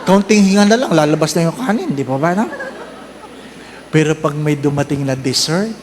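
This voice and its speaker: High-voiced Filipino priest joking in a homily. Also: male voice, animated, moderate pace, crowd noise, background noise. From Philippines. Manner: joking, acts out parishioners in shifting voices. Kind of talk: humorous homily. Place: church during Mass.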